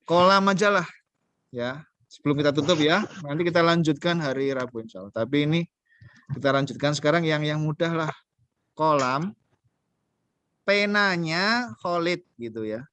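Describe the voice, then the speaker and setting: A man's voice: fairly high pitch, measured pace, long pauses, fairly bright tone, smooth, no echo. A man teaching a beginner Arabic class online, patient and coaxing, quizzing his students as he goes.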